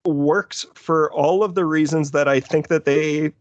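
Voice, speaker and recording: A man on a horror podcast talks in loose, rambling chat with a slightly high voice. He keeps circling back and piling on asides. The dry, dull-sounding mic takes the sparkle off his voice. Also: measured pace, no echo. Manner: rambling, animated, breaks into mocking high voices for quotes. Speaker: podcast co-host. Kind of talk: casual chat.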